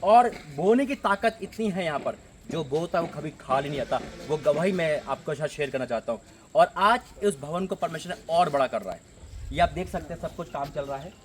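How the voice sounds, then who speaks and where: A male pastor preaches loudly in the open air at a church construction site, with no microphone. His voice sits a little high, and he pronounces blessings over the listeners with fervor. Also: slight background noise. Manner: speaks loudly without a microphone; fervent, declaring blessings. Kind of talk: fundraising sermon. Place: outdoors at a church building site.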